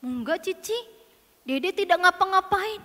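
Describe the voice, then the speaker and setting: A woman voicing a curious, mischievous little younger sibling who talks in a slow, pleading childlike way. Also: very high voice, lively intonation, sharp tone, in a large hall, pitched above the performer's own voice, exaggerated voice. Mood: denying.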